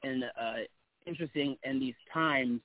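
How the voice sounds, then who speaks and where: A man's voice: mid-range voice, unhurried, no echo. A man hosting a casual interview, talking in a rambling way with many restarts and fillers. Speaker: host. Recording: tinny phone-like line.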